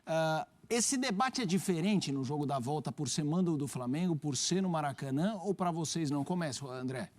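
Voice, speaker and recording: A man's voice: fairly high pitch, animated, normal speed, darkish tone. A man hosting a sports show, energetically handing over and steering the debate. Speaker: studio host.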